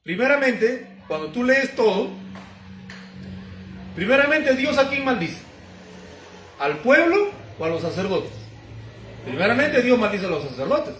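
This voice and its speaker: A man's voice: very high-pitched, sing-song, a little slow, pauses often, a bit bright, distant mic, slight background noise. A man, a pastor preaching emphatically with repeated rhetorical questions. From Peru. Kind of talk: sermon teaching. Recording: roomy sound from off-mic.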